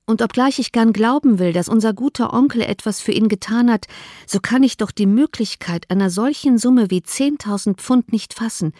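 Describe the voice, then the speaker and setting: A kind, hopeful young woman from a classic novel, read by a woman. Her manner is soft and gentle. The recording is close and dry. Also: on the high side, moderate pace, no room sound, pitched above the performer's own voice, close to an everyday voice. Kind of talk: audiobook character reading.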